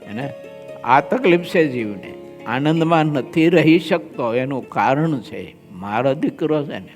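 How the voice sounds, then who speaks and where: A man's voice: medium pitch, expressive, faint music behind. A man with a Gujarati accent, a swami giving a devotional scripture discourse, telling anecdotes and voicing the people in them. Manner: slow, drawn-out delivery with quoted voices in anecdotes. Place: large assembly hall with long reverb.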